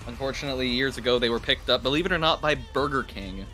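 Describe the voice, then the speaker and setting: A man's voice: medium pitch, fast talker, sharp tone, faint music behind. A man from Canada casting a live game stream, explaining at length and laughing often. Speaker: esports caster. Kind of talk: casual live-stream commentary.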